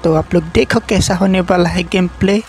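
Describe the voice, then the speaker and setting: A man giving casual, excitable gameplay commentary, swearing and yelling at his teammates as he plays. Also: sits high, brisk, slight background noise, rough recording. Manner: excitable, swears and yells at teammates mid-game. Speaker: gaming commentator.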